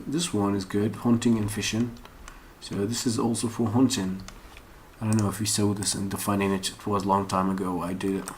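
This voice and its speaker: A fairly low, darkish male voice belongs to an online course instructor working at a computer. He gives a loose, unscripted screen-share tutorial, wandering and thinking aloud during his searches, against typing and mouse clicks in a noisy room.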